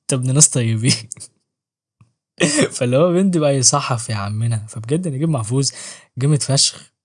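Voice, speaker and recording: A man's voice: medium pitch, lively intonation, normal speed, long pauses, breathy edge. A man with an Egyptian Arabic accent reviewing a novel in a joking, slangy, self-mocking way. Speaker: book reviewer and channel host. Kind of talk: casual book review vlog.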